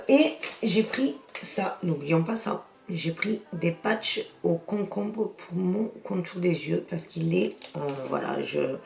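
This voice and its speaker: Gravelly-voiced woman chatting in an echoey room. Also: low-pitched, darkish tone. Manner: chatty and exclamatory, with many "voilà" and "hein" fillers. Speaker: beauty vlogger. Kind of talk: casual makeup haul chat. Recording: echoey room with faint music.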